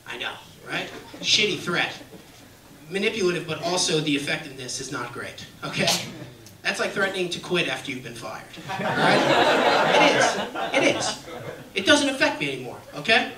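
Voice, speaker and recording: On a music hall stage, a man performs stand-up with a brash, punchy delivery, often checking in with the crowd. His voice is fairly high and sing-song at a moderate pace. The recording is echoey and distant, with loud crowd noise.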